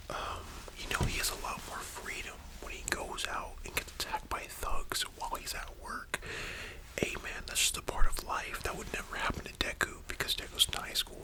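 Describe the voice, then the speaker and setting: An ASMR host whispering softly in a library-style whisper, chatting informally with slangy, opinionated fan commentary. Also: poor audio. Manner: soft unvoiced whispering throughout.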